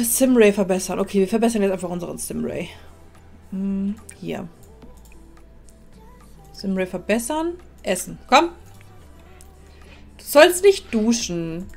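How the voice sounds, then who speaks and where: A woman's voice: mid-range voice, expressive, measured pace, creaky, pauses often, a little mellow, soft background music. A woman casually commenting while she streams a life-sim game, thanking viewers and talking to her characters, a little sniffly with a cold.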